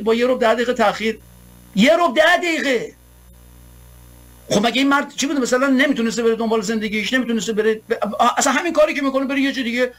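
A man's voice: extremely high pitch, fairly bright tone. A man from Iran hosting a show, delivering an impassioned political monologue full of repeated rhetorical lines. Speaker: host.

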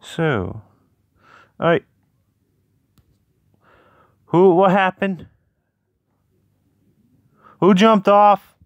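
A man hosting a gaming video with casual, excitable, reactive commentary, often repeating short phrases. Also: high voice, drawn-out words, pauses often, dry recording, muffled recording.

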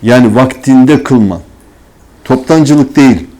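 Slow and warm, a medium-pitched man delivers a sermon-style religious talk as a religious teacher. He asks rhetorical questions and answers them himself, often scolding and mocking hypocrites.

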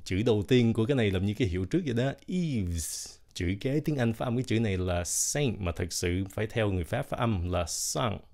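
A man teaching pronunciation in a casual spoken lesson, saying words slowly and carefully, syllable by syllable. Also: lowish voice, creaky, darkish tone. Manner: slow, over-enunciated, repeats words syllable by syllable.

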